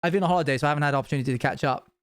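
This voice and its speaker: A man's voice: on the high side, rapid-fire. A young man streaming live, telling rambling stories to his viewers with self-aware asides. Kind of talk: casual chat with viewers.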